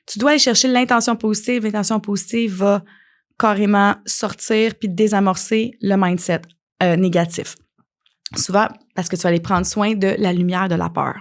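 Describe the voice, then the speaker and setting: Animated Québécois woman podcast host. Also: mid-range voice, moderate pace. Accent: Québécois French. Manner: animated, coaching, acts out little scenes. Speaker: podcast host and life coach. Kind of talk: casual solo podcast talk.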